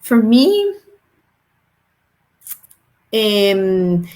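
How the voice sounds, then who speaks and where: A woman's voice: mid-range voice, very animated, drawn-out words. A woman hosting a live stream, reading out viewer comments and chiming in. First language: Spanish. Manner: reads viewer comments, warm backchannels, laughs easily. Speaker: host.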